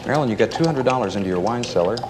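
A man hosting a 1970s TV game show in a studio, upbeat and brisk as he prompts the contestants. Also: lowish voice, animated. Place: TV studio set with a live audience. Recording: old TV tape with noisy studio audience.

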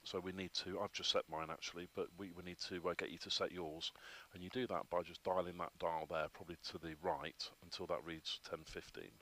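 Deep-voiced flight instructor. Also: male voice, little pitch movement, fairly quick, hardly any pauses, bright, forceful tone, slight background noise. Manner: patient, explaining step by step with many ums. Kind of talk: hands-on instruction. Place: flight simulator cockpit.

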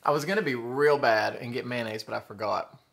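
A Southern man in his thirties hosts a mukbang eating show from a living room with a sofa and window blinds, recorded by a camera in front at table distance. His medium-pitched voice is bright, forward, creaky, and fairly quick. He chats casually, calls viewers y'all, and chews between remarks.

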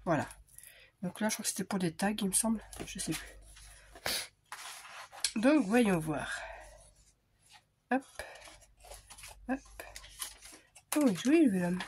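A woman vlogging casually as she unpacks scrapbooking supplies, thinking aloud with frequent hesitations and quiet murmured asides. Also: mid-range voice, animated, slow pace, long pauses, a little hiss or hum. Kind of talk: casual unboxing chat.

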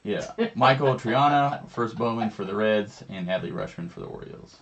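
A man's voice: on the low side, moderate pace, creaky, muffled recording. A man hosting a live card break, naming each card as he opens packs and chatting casually with viewers. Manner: names each card in a steady running commentary. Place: indoor studio with a branded backdrop.

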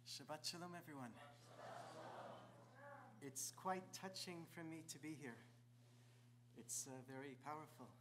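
Middle-aged rabbi preaching in a sanctuary. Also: male voice, fairly high pitch, measured pace, long pauses, background noise. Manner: rhetorical, piles up repeated questions. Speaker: visiting rabbi. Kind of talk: sermon. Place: large synagogue sanctuary.

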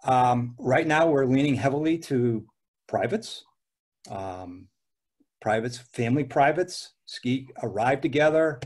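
A man in his sixties, speaking on a panel over a video call from a dim room at home, halting, with many restarts and fillers. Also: mid-range voice, expressive. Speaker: ski area owner on a panel. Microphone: video call webcam.

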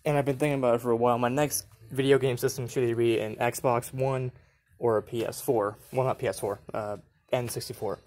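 A young man with an average-pitched voice talks his way through an antique mall, filming on a handheld phone as he walks. He rambles casually, laughs a lot and jumps up in excitement whenever something catches his eye. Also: a little fast. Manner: rambling, chatty, laughs often, excited bursts at finds. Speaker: vlogger. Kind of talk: casual handheld shop walkthrough vlog. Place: large indoor antique mall with glass cases. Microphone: phone camera held while walking.

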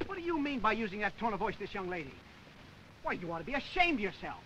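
A man's voice: high-pitched, very animated, quick pace. An actor playing an eager, bashful young salesman being gallant, in 1930s film comedy style. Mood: indignant. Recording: noisy 1930 film soundtrack.

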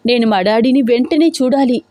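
Woman voicing frantic young daughter, high-pitched. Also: moderate pace, mellow, dry recording, natural voice. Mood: panicked. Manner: urgent, pleading, tearful. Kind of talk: storybook audio drama.

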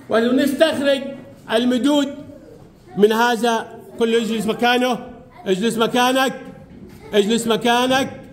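Very high-voiced male teacher. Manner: brisk questioning, calls pupils by name and repeats their answers. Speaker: primary school teacher. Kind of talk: classroom lesson. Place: school classroom.

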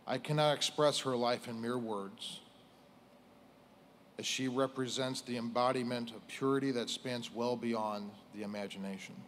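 A man's voice: medium pitch, a bit bright, slight background noise. Solemn American man giving a formal eulogy. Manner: solemn, measured, pausing between short phrases. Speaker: police chief giving a eulogy. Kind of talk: formal prepared funeral speech. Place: indoors on a stage at a lectern. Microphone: lectern microphone.

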